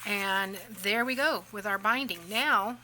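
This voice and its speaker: A woman's voice: medium pitch, unhurried, sharp tone, slight background noise, low-quality recording. A woman talks casually through a crafting tutorial and tells rambling stories in a chatty way. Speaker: crafting vlogger.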